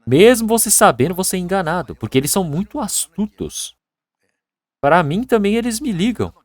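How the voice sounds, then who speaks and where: A man's voice: sits high, a little fast, dry recording. Earnest male pastor preaching a sermon. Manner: earnest preaching, grows lively telling anecdotes.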